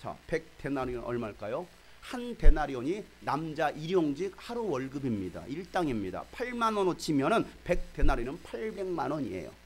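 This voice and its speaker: A middle-aged man delivers a sermon in a high, lively voice that climbs and falls dramatically. He storytells and throws questions at the congregation. Faint background noise sits behind him. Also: fairly quick. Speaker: pastor.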